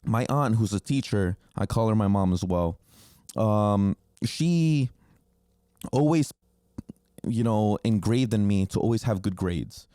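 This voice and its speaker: At a measured pace, a man in his twenties tells candid stories from his childhood on his solo podcast, swearing casually and saying um often. A native Spanish speaker from New Jersey, he has a lowish, dark voice with lively intonation, recorded dry at studio quality.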